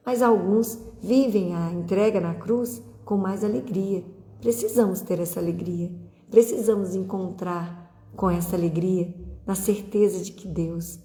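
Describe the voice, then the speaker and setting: A woman preaches at a retreat, earnest and exhorting, drawing out her solemn phrases. Her voice is mellow and dark in tone. The sound rings with a long, echoey reverb. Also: mid-range voice. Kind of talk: devotional reflection and spiritual reading.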